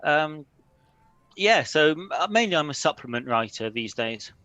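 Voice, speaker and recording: A British man introducing himself casually as a panel guest, pausing often mid-sentence. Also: a little high, expressive, pushed and bright, no room sound, dull audio. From UK, living in Shetland. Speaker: solo game supplement writer, panel guest.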